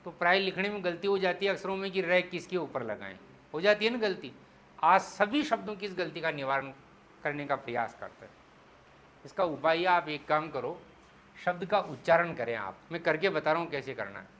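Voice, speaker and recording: A man teaching Hindi spelling in an exam-prep lecture, explaining step by step and slowing down to spell out syllables. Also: on the high side, lively intonation, a bit bright, a little hiss or hum. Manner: explains step by step, asks the class "clear?".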